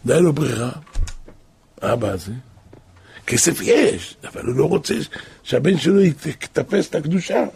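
Man, storyteller, fairly high voice, gravelly, very hoarse and breathy, emotive delivery. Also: expressive, pauses often, dry recording. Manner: emotive, grows louder and more intense at dramatic points. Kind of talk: spoken storytelling.

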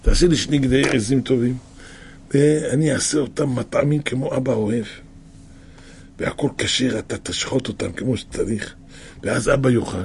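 A man voicing a caring mother giving quiet instructions to her son in a retold story. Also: medium pitch, slight background noise, lightly acted. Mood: instructing. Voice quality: raspy.

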